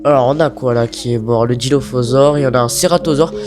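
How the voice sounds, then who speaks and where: A man giving casual, excitable commentary on his own gameplay, pleading with the game and swearing casually. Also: mid-range voice, quick pace, over music.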